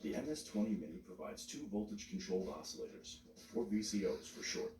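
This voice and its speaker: A man with a low voice reads scripted tutorial narration, explaining each step in a measured way. He sounds set back from the mic in an echoey room, with clear instrumental music behind him. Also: lively intonation, distant mic.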